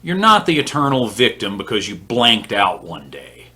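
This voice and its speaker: Male, 50s, low-ish voice, brash opinionated vlogger, plain-spoken with some cursing. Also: big pitch swings, normal speed, sharp tone. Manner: blunt, scornful, profane. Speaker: author and vlog host. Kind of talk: opinionated writing advice vlog. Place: home office.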